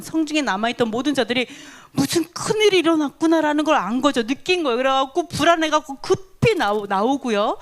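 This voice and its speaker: A woman teaching a Bible lesson, telling the story animatedly and acting out the characters' quoted lines with frequent laughter. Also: sits high.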